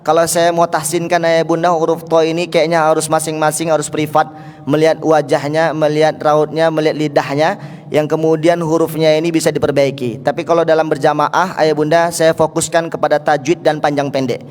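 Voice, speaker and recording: A man teaching Quran recitation to a congregation, coaxing listeners to repeat and breaking into slow, drawn-out chanted verses between his explanations. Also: on the high side, little pitch movement. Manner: coaxes listeners to repeat, counting them in. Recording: long hall reverb with faint music.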